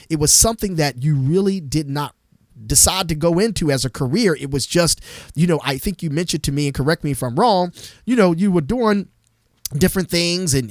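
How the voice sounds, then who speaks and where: A man's voice: medium pitch, no echo, studio quality. A man hosting a gospel radio show, talking with enthusiastic, emphatic, repetitive energy.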